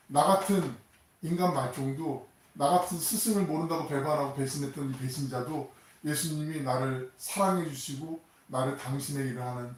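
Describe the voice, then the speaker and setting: A man voicing the apostle Peter during a sermon, slowly and earnestly pleading with a friend. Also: medium pitch, a little hiss or hum, natural voice. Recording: echoey church sound from a distant mic.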